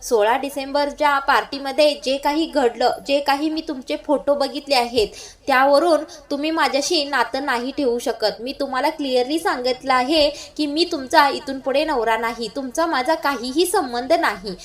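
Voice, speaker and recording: Woman voicing a cold, curt young husband in a serial, sharp and scolding, high voice. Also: normal speed, lightly acted. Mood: angry.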